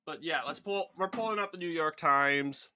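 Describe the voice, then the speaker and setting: A young man of about twenty giving informal election night analysis as a channel host, in a halting, rambling way that often doubles back on itself. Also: fairly high pitch, pushed and bright, a little hiss or hum. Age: young adult, about 20. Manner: halting, rambling, self-correcting.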